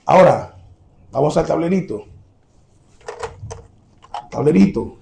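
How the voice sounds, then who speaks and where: A man's voice: on the high side, animated, slow, gravelly, dark tone, slight background noise. A man preaching a sermon to his congregation, earnest and direct, repeating his key points.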